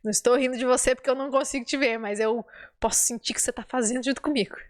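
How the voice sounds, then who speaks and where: A woman from southern Brazil with a southern Brazilian accent, teaching pronunciation and repeating sounds and words slowly for the learner. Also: fairly high pitch, steady tone. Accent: southern Brazilian Portuguese. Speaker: Spanish teacher. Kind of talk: pronunciation lesson.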